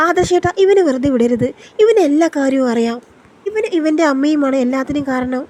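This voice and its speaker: Sharp young wife snapping back, high voice, as a woman reads her. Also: expressive, brisk. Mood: accusing. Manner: sharp accusing retorts. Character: pregnant young wife, accusing and wounded.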